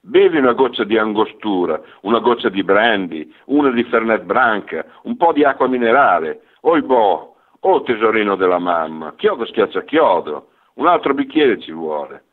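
A man's voice: on the low side, big pitch swings, moderate pace. A man voicing a male drinking companion in a pub who coaxes and fusses with mock tenderness, over a narrow phone-like radio sound. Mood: coaxing.

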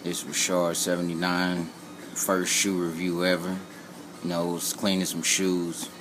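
A man's voice: sits low, monotone, unhurried, background noise. An American man from Indiana chats casually in a rambling, joking, colloquial way as an amateur sneaker reviewer, recorded on an old flip phone in a room at home. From Indiana, United States. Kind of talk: casual vlog chat. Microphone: flip phone held behind the camera.

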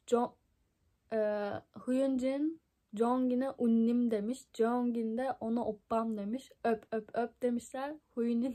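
A young woman reads a fan-written story aloud into her phone in an unhurried, slightly high voice. Her throat is scratchy and tickly, and she keeps stumbling, laughing and making fun of the text as she goes. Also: dark tone. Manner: amused, mocking asides, frequent laughs and stumbles. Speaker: reader of a fan fiction book. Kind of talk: casual reading aloud, commenting and laughing.

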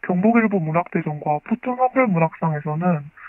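An interviewed author on the phone, voice disguised by pitch-shifting downward, explaining calmly and factually. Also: fairly quick, no echo. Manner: calm, factual, methodical explaining. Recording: tinny phone line.

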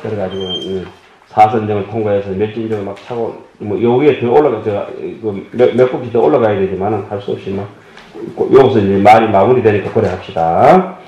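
A man's voice: on the low side, brisk, a little hiss or hum. A man giving a Buddhist dharma lecture, explaining terms and asking his listeners questions with folksy humor. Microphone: table microphone. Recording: dull echoey hall audio.

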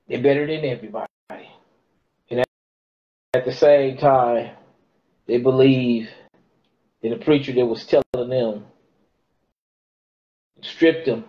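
In a small room, a middle-aged man with a medium-pitched voice gives an informal Bible lesson to a phone camera held close, his audio dull and lo-fi. Scripture comes out in a preaching rhythm, and he raises his voice on the key words.

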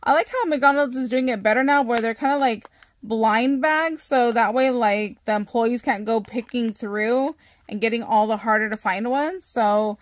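A young woman crafting vlogger, talking casually to her viewers, gushing and excitable with lots of filler words. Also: fairly high pitch, moderate pace. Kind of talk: casual chat to camera.

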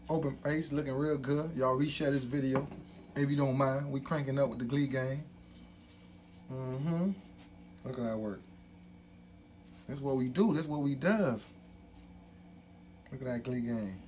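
A man's voice: mid-range voice, fairly even intonation, measured pace, pauses often, slight background noise. Hype man talking through a gold grill. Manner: hype, repetitive catchphrases, loud ad-libs. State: speaking with grill on teeth. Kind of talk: casual hype promo vlog.

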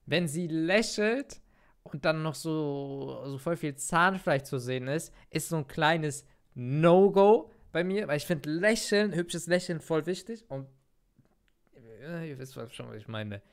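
A man commenting over a video on his stream, tossing slangy, opinionated remarks at his chat. His voice sits a little higher than most men's and is picked up close by a desk mic. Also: lively intonation, a little slow, clean tone. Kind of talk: casual reaction commentary.

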